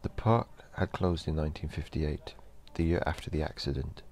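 A man narrating a horror story in a slow, measured storytelling delivery. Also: a bass voice, a little mellow.

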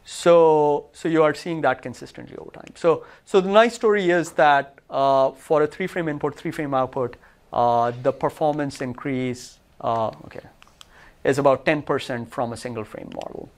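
A man with a fairly high voice gives a technical lecture in a lecture room. He walks his listeners through results on his slides in an explanatory way. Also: normal speed. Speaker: research presenter.

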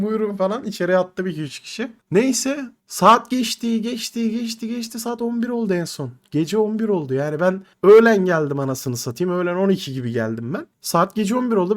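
Young man from Turkey in his twenties, high-voiced and rapid, slangy storyteller who swears and talks to the guys. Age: 20s. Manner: animated, slangy, swearing, addresses listeners as guys. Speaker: podcast storyteller. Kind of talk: casual anecdote storytelling.

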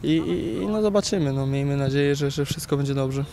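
A young footballer in his twenties answering interview questions outdoors beside a pitch, halting with many repeated words. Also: gravelly, mellow. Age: 20s. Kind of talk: post-training interview. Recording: faint outdoor noise.

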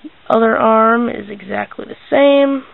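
A teenage boy talks through a casual hands-on review. He goes slowly and hesitantly, in a low-key way, with a dry sound and little room echo. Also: gravelly, phone-quality sound. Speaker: toy reviewer. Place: small bedroom, indoors.

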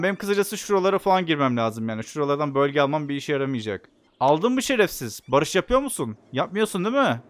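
A man giving casual let's play commentary on a strategy game, excitable and talking back to the game. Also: on the high side. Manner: excitable, talks back to the game and swears at opponents. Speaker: video game player and commentator.

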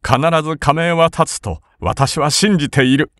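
A man's voice: on the high side, moderate pace, fairly bright tone, no echo, voice pushed up, lightly acted. Male reader as timid older-brother samurai; trembling, urgent, raised voice; storybook reading. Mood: shaky resolve.

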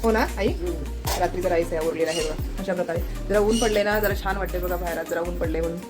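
A woman's voice: on the low side, steady tone, fast talker, over music. A woman vlogging at home, chatting casually and pointing things out to her viewers. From Maharashtra. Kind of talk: casual home vlog narration.

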